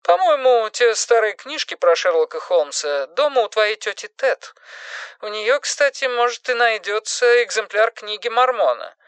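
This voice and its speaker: A man voicing a brisk, opinionated elderly woman for a storybook reading, speaking in a matter-of-fact, weighty way. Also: high voice, animated, a bit bright, smooth, no echo, pitched above the performer's own voice.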